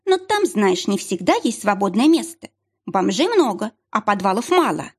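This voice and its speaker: A woman voicing a sharp-tongued, mocking young heroine with biting, sarcastic retorts. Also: mid-range voice, sing-song, normal speed, breathy edge.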